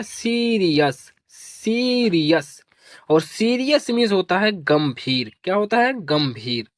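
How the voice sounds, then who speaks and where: A woman teaching English pronunciation, spelling out letters slowly, asking questions and repeating the answers. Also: medium pitch, no room sound, clean studio sound.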